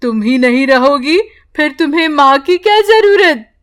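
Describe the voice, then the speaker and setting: A woman voicing a friendly, protective male magic tree in an animated bedtime story, speaking slowly and kindly. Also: high voice.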